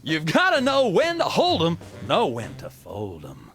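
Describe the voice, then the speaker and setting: A dim cartoon game president in a very high voice that swings widely. He rambles in a folksy, oblivious way, with music behind him. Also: wildly swooping pitch, measured pace, fairly bright tone, exaggerated voice. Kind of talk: comic cartoon game acting.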